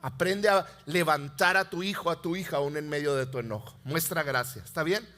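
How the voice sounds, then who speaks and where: A man, preaching a sermon with animated storytelling that swings from loud to hushed. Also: on the high side, fairly quick. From Mexico. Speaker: pastor.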